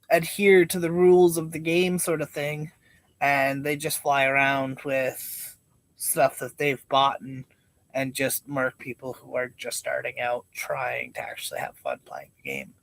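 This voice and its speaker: Young adult male streamer, higher-pitched, unhurried stoner drawl, casual meandering chat. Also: vocal fry, dry recording. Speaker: live streamer. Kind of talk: casual rambling livestream chat.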